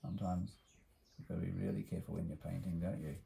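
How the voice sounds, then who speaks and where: A man plays a builder in a children's workshop vlog, keeping a bright, party-host energy while explaining simply and asking tag questions. His low voice barely moves in pitch, runs fast and creaky, and there's a little background noise.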